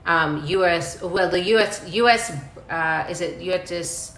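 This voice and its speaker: Reading out questions from viewers during a live session, a woman lawyer explains each answer step by step, keeping it conversational. She speaks at a measured pace in a fairly bright voice on the low side, with echoing, roomy stream sound.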